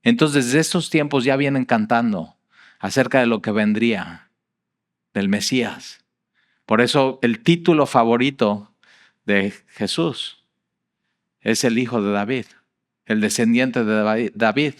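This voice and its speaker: Mexican pastor preaching conversationally. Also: male voice, medium pitch, a little slow, long pauses. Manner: conversational, animated storytelling with many fillers. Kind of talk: sermon.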